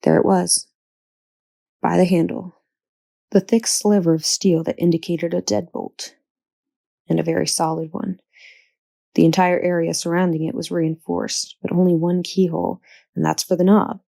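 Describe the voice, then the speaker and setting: A woman's voice: lowish voice, little pitch movement, normal speed, vocal fry, long pauses, mellow, low-quality recording. A woman narrating a horror audiobook with tense, dramatic storytelling. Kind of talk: scripted narration.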